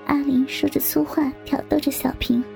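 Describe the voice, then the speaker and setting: A woman reading a scripted story aloud in a soft, half-whispered voice. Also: high voice, flat delivery, normal speed, creaky, soft background music.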